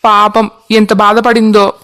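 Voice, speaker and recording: Young cartoon husband, voiced by one artist, polite and soft-spoken, flat even pitch. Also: male voice, measured pace, clear, resonant tone.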